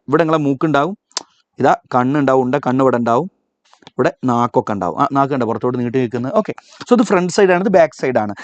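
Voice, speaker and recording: A man teaching a live online biology revision class with a Malayali accent, calling on students to repeat terms aloud and spelling key words out slowly. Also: fairly high pitch, a little mellow, no room sound, highs cut off.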